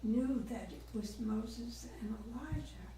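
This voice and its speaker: A woman in a prayer group muses over a curious question, speaking slowly and softly, at times almost whispering. Her voice is mellow, and she is heard from far away in a very echoey room. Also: a little high, slight background noise. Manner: slow, musing, partly whispered. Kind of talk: reflective group sharing.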